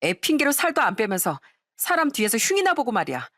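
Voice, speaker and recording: A woman's voice: fairly high pitch, huge pitch swings, fast talker, a bit bright, no echo, clean studio sound, heavily acted. Woman voicing a sneering, snooty sister-in-law. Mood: defiant. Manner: mocking, condescending.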